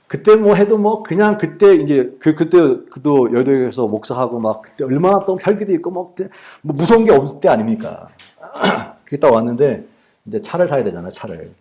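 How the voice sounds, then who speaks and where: Pastor, 40s, from Korea, sermon delivery with a lively, wide-ranging pitch. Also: male voice, moderate pace. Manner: animated storytelling, acting out his past anger in prayer. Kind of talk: sermon with personal story.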